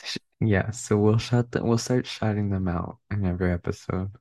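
Low-voiced young host speaking hushed. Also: normal speed, dry recording. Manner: hushed, talks quietly so as not to wake others. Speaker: podcast co-host. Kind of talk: casual chat.

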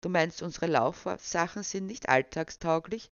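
A reader voicing a gentle, friendly young woman. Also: lowish voice, unhurried, dry recording. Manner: gentle, encouraging. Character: friendly, calm young woman dog owner. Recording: dull, dry recording.

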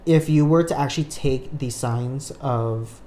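Mid-pitched, hesitant podcast host. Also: measured pace, dark tone. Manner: hesitant, with frequent restarts and asides. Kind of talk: casual chat.

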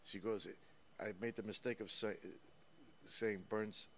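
Animated male musician telling stories. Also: fairly low pitch, unhurried, slight background noise. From United States. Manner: lively storyteller, counts rhythms aloud. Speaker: guest musician. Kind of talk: casual interview. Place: small recording studio. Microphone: studio microphone.

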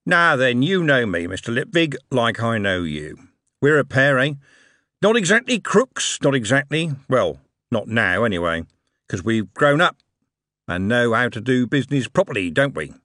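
A man's voice: mid-range voice, very animated, moderate pace, pushed and bright, no room sound, studio quality. Man doing a brash, blustering older tycoon. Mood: scheming. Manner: coarse, blustering, chummy street slang. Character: brash older male tycoon, jovial and shrewd.

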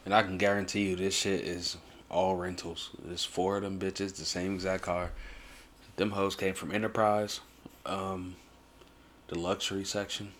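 Young adult American male, lowish voice, casual foul-mouthed bro talk full of slang. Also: level tone, normal speed, fairly bright tone, slight background noise. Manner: slangy, swearing, bro-heavy banter. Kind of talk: casual chat.

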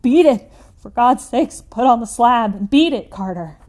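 A man trapped deep in a crypt, shaken with terror, his voice trembling and desperate, as a woman reading a horror story puts him on. He sounds hoarse with fear and urgent, as if calling up from the dark. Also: steady tone, slow, heavily acted. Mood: frantic shouting. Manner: shaky fearful whispering.

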